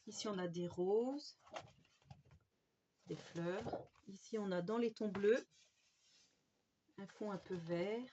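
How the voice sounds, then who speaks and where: A woman's voice: mid-range voice, slow pace, long pauses, dull audio. A woman, chatting enthusiastically through a haul of craft supplies, with many fillers and restarts. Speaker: scrapbooking vlogger. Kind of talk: casual product haul chat. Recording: faint background noise and clicks.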